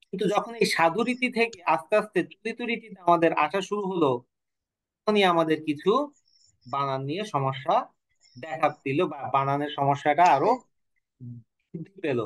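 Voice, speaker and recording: A man's voice: high voice, fairly bright tone, poor audio. A man teaching an online class, asking questions and answering them himself, sometimes correcting himself. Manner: corrects himself mid-sentence. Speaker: Bengali teacher.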